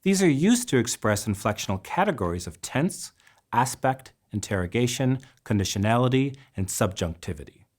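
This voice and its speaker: A man narrating a scripted linguistics lesson, carefully pronouncing example words in a measured way. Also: mid-range voice, lively intonation. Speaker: lecturer.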